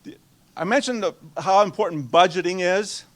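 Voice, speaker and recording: A Guatemalan man in his sixties, a native Spanish speaker presenting finance for a nonprofit, leads a conversational seminar, quizzing his audience and slipping in dry jokes. His voice is high-pitched and a bit bright, at a moderate pace.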